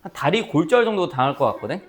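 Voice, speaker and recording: Male math teacher, classroom lecture, animated pitch, slightly high voice, playful storytelling. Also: fast talker. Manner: lively, playful storytelling with acted-out student voices.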